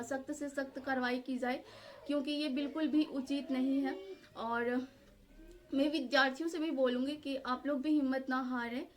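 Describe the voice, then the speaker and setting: A woman's voice: high-pitched, slight background noise. A woman from Jharkhand, India, talking earnestly to the camera in a casual vlog, pleading with many fillers. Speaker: vlogger.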